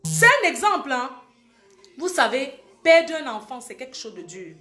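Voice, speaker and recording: A young woman with a high voice scolds her live-stream audience and hammers each warning home. She is recorded in an echoey room with faint music behind her. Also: big pitch swings, moderate pace. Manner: scolding, emphatic, repeats warnings. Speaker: social media live host. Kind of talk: heated live-stream monologue.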